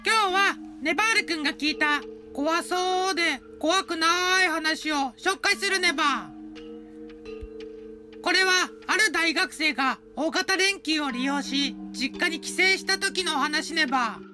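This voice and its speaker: With an extremely high pitch and an unhurried pace, a woman brings a bubbly mascot character to life. She tells short stories and finishes every sentence with a cute verbal tic. The tone stays upbeat over light background music.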